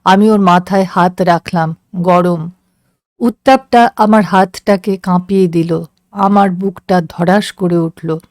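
A woman narrating a story in a slow, measured, soft voice. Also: on the low side, fairly even intonation, no echo, studio quality. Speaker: story reader.

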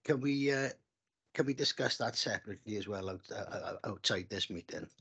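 A man speaking in a council debate, hesitant and stopping to clear his throat, in a large council chamber. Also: fairly low pitch, fairly quick, fairly bright tone, dry recording. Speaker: council member. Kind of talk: formal meeting debate.

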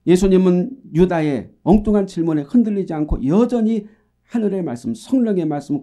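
A middle-aged man preaching earnestly as a pastor, moving between emphatic calls and quiet asides. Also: fairly high pitch. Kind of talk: sermon.

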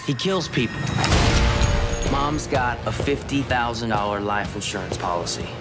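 A man's voice: medium pitch, animated, normal speed, natural voice. An actor playing a desperate young man in debt, speaking urgently and nervously. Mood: tense. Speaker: film trailer character. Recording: trailer clip with loud music.

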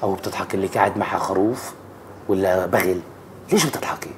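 A man's voice: low voice, fast talker, background noise, close to an everyday voice. A man playing a bossy, jealous husband who scolds his wife nonstop in a comedy sketch. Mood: scolding. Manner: nagging, scolding, quarrelsome.

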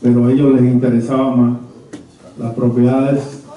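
The speaker is a Cuban man from Havana, seventy-plus, reminiscing at a conference for a small group with slow, hesitant delivery. His medium-pitched voice barely moves in pitch and sounds deep and dull. Captured from a distant camera despite his handheld mic, the audio is muffled and full of room echo.

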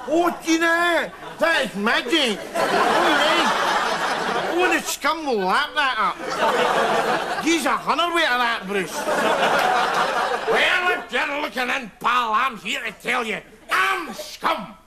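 Scornful Scottish ranter, high voice, TV sketch with studio audience. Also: male voice, lively intonation, takes it slowly, over a noisy crowd, heavy background noise, heavily acted. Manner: scornful, slangy, ranting. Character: bitter, scornful Scottish man ranting at TV. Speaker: sketch character. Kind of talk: TV sketch rant to camera.

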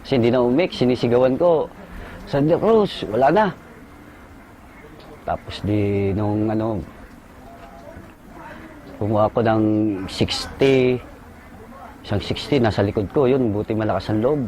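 A man, a soldier, recalling a firefight in short halting bursts and military jargon. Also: lowish voice, dark tone, a little hiss or hum, poor audio. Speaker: soldier recounting combat. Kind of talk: casual spoken recollection.

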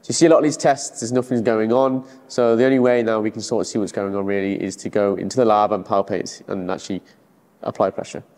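A man's voice: on the low side, fairly even intonation, quick pace, a little mellow. A young man working as a rehab coach, giving hands-on instructions in casual language. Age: young adult. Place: large hard-floored gym, indoors. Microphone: clip-on lapel mic. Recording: reverberant hall-like room.

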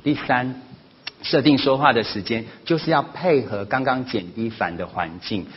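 A man giving a sermon-style parenting lesson at church, animated, often acting out family quarrels in a raised voice. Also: mid-range voice, normal speed. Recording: slightly dull lo-fi recording with faint noise.

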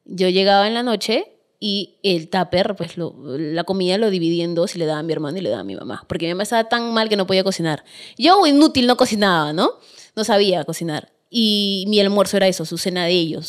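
A Peruvian woman with a mid-range voice appears as a guest on a podcast. In a casual interview she tells her own story, candid and emphatic.

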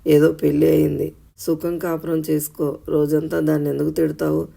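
A man voicing a mother scolding her grown son in an audio story, read in a flat, gravelly storyteller voice. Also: on the high side, moderate pace.

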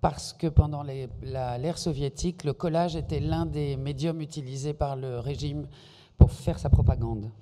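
Guy interpreting a talk, fixes himself a lot, super warm dark voice, echoey hall. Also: on the high side, fairly even intonation, normal speed, slight background noise. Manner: fluent but self-correcting, with fillers. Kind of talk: consecutive interpreting into French. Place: large hall. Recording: long hall reverb.

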